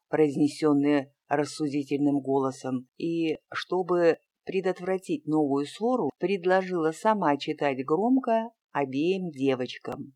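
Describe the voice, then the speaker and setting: An audiobook reader narrating a story in an even, measured way. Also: mid-range voice. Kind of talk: scripted narration.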